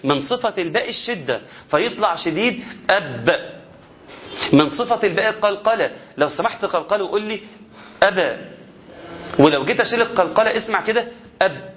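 A man's voice: sits high, lively intonation, rapid-fire, lo-fi sound. A man with an Egyptian Arabic accent teaching Quran recitation, who keeps asking rhetorical questions and demonstrating how letters should sound. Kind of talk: spoken lesson on tajweed.

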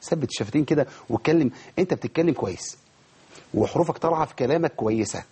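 Fast, husky Egyptian recitation teacher. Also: male voice, mid-range voice. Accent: Egyptian Arabic. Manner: lively, quizzes students and models pronunciations. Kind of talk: tajweed lesson to a class.

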